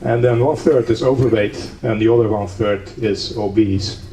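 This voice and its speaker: Speaking in a conference hall, a man from the Netherlands gives an academic talk, steady in his explanations and lightly dry in his humor. His warm voice sits on the low side, with fairly even intonation and a normal pace. Echo fills the hall, the mic is distant, and there's faint background noise.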